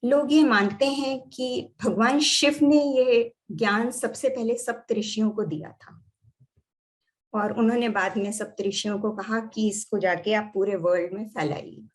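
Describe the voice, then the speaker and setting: A woman's voice: on the high side, unhurried. A woman with an Indian accent explaining yoga and medicine in a lecture, switching freely between Hindi and English. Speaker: doctor and yoga therapy teacher.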